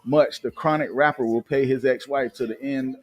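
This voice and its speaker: Soft music plays as a man hosts a live show in Atlanta, his medium-pitched voice at normal speed with fairly even intonation. He's casual and loose, reading news with plenty of fillers and restarts.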